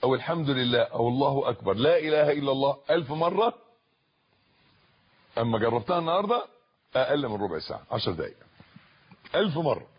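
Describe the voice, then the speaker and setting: Husky Egyptian man preaching with rising passion. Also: medium pitch, expressive, fast, long pauses, highs cut off. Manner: impassioned, rising to loud emphatic peaks, repeating phrases. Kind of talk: Islamic sermon in colloquial Arabic.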